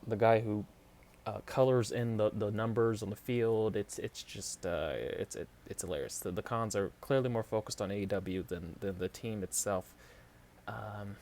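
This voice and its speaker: Podcast host, male, New York accent, lowish voice, loose halting sports chat. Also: slight background noise. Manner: halting, lots of fillers and restarts. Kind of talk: casual sports predictions chat.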